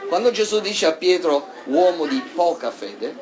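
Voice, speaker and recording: A man preaching a sermon in an animated way, swinging between loud emphasis and soft asides. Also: a little high, normal speed.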